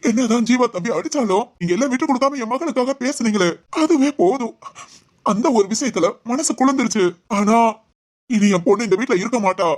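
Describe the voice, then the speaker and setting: Cartoon drama: woman playing a wounded father, earnest and rapid. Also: on the high side, animated. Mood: aggrieved. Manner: earnest, pleading. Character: middle-aged father of the bride, hurt and firm. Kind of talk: animated family drama voice acting.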